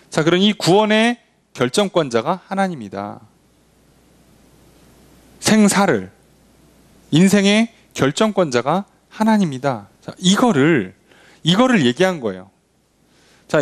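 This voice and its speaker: A male pastor leading a Bible study, explaining verses in a conversational way and asking his class questions. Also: a little high. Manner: acts out imagined objections in a blunt informal voice. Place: church.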